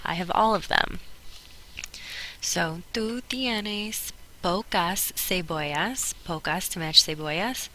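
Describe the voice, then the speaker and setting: A woman teacher walking students through Spanish grammar exercises step by step, patiently slowing down to sound out the example words. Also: fairly low pitch, pushed and bright, a little hiss or hum, rough recording. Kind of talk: classroom lesson explaining grammar.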